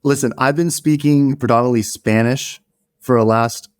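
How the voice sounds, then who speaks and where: Here the podcast co-host, raised in Canada with Polish as his first language, speaks in a mid-range voice with fairly even intonation at a moderate pace. His tone is clear and resonant in a dry, clean studio recording, while the chat stays loose, full of restarts and casual cursing.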